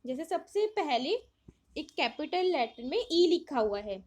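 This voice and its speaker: A woman's voice: high voice, animated, measured pace, a little mellow. A woman teacher explaining a worksheet to young children, reading English lines and then explaining them in Hindi, asking questions and answering them herself.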